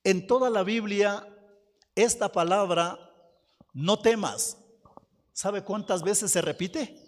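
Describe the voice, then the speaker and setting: Slow high-voiced preaching man. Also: in a large hall. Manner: slow, emphatic preaching with rhetorical questions. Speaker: pastor. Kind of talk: sermon. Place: church hall.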